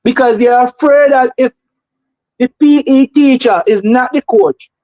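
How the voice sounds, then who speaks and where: A man with a high voice and a Jamaican accent speaks in an opinionated, casual way. He is emphatic and repeats his phrases for effect. The sound is dry and somewhat dull, like a lo-fi call. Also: normal speed, mellow, dry recording.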